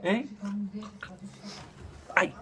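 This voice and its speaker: A man's voice: extremely slow, bright, forceful tone. A man teasing and haggling playfully in bantering home-video talk.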